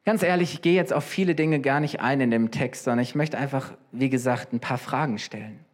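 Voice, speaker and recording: A man preaches a sermon in a lively, conversational style, frequently putting questions to his listeners. His voice is mid-range and his delivery brisk.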